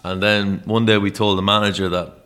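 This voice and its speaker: An Irish man in his thirties, a musician, telling stories in a rambling, animated way with lots of "like". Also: lowish voice, fairly quick. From Ireland. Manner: rambling, animated storyteller with many "like"s. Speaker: guest, musician. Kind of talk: casual storytelling interview.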